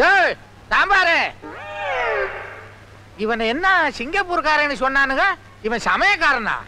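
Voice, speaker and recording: An actor playing a grumpy, greedy wedding guest who grumbles and complains indignantly, in a film comedy. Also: male voice, extremely high pitch, sharp tone, full character voice.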